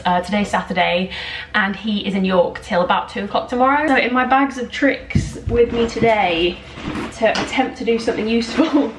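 A young woman from northern England chatting casually to camera in a self-mocking way, her voice echoing like in a cave in an empty house. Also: mid-range voice. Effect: cave-like echo of an empty house. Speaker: vlogger. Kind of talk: casual vlog chat. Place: empty house, bare rooms indoors. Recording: echoey empty room, faint noise.

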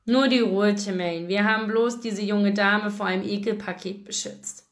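A charming young cowboy, relaxed and laughing as he speaks. A woman reads his lines aloud from a novel. He keeps it light and easy. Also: medium pitch, moderate pace, lightly acted. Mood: easygoing.

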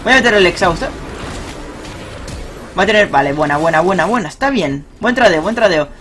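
A young man giving live, excitable commentary on his own ranked game, swearing and cheering at big plays. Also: sits high, a little fast, soft background music. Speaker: gaming streamer.

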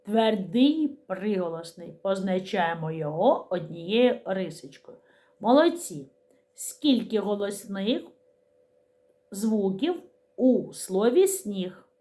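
A middle-aged woman teaching a preschool literacy lesson, speaking slowly and clearly in a sing-song way to small children. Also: medium pitch, expressive, dark tone.

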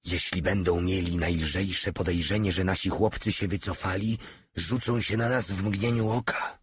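A man voicing a boastful, mocking male soldier in an audiobook, with a husky voice. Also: low-pitched, steady tone, moderate pace, no room sound. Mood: tense whisper.

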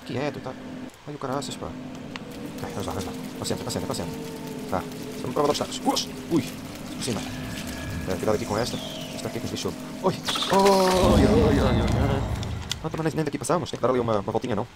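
Male let's-player, European Portuguese accent, jumpy and chatty, game sounds clearly audible under the voice. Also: medium pitch, rapid-fire, pauses often. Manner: excitable, yelps and swears at jump scares, mutters to himself. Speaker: gamer playing a horror game. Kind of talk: let's play commentary. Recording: clear game noise behind voice.

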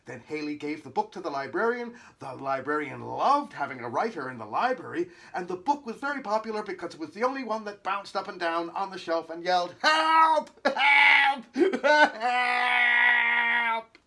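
A man reading a children's picture book aloud with animated, expressive narration. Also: sits high, brisk, creaky, few pauses. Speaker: storybook reader.

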